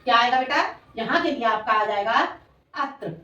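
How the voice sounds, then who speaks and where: Woman teacher dictating a lesson slow and repetitive, voice far off in an echoey room. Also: a little high, bright, forceful tone, highs cut off. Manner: slow and repetitive, calls students "beta". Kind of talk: classroom lesson, dictating sentences.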